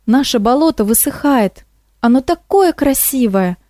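A woman's voice: sits high, expressive, measured pace, mellow, no room sound, clean studio sound, pitched above the performer's own voice. Woman voicing Moroshka, an eager swamp kikimora. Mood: pleading. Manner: pleading, enthusiastic.

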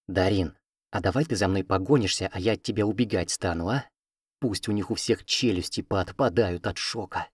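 A man's voice: on the low side, a little fast, a little mellow, no echo, studio quality, natural voice. A man voicing a mischievous giant male spirit cat who teases and plays innocent, in an audiobook. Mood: sly. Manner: teasing, playful, feigning innocence. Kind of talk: audiobook character voice.

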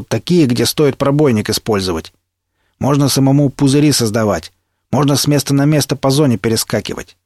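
A man voicing a menacing mercenary stalker with a slow, taunting drawl in an audiobook reading. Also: mid-range voice, darkish tone, no echo, clean studio sound, close to an everyday voice. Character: menacing male mercenary stalker, sneering and cruel.

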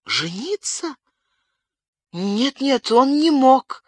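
A woman's voice: on the high side, expressive, a little slow, dry recording, voice pushed up. A frantic young woman pleads in a raised, quivering voice, close and dry with no room sound around her. A man reads her out in a storybook reading. Her words come out tearful and broken. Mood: distraught. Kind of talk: audiobook character voice.

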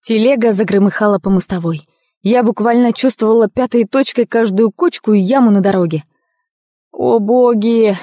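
A woman narrating first-person fiction as an audiobook reader, with a lively, expressive reading. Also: medium pitch, fairly quick, dry recording, clean studio sound.

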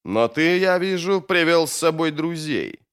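A man's voice: on the high side, lively intonation, a little slow, a bit bright, clean tone, pitched above the performer's own voice. A man reading an audiobook, voicing a ruthless, scornful old wizard with emphatic, raised delivery.

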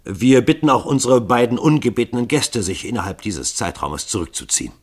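A man's voice: mid-range voice, lively intonation, fairly quick, slightly rough, pitched above the performer's own voice. A man reading a novel aloud, voicing the formal, courteous spokesman of a group of assassins. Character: formal male spokesman of a band of killers.

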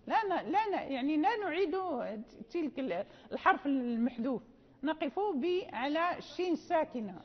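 Woman teacher with a high voice going over recitation rules, keeps checking in, dull echoey hall recording. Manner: checks in with listeners often, drawing out quoted verses slowly. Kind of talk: classroom lesson on recitation rules. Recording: dull lo-fi audio with long hall reverb.

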